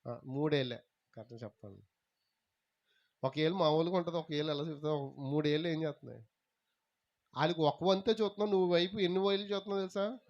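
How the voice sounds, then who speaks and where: Male pastor, fairly high-pitched voice, dynamic call-and-response sermon delivery. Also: lo-fi sound.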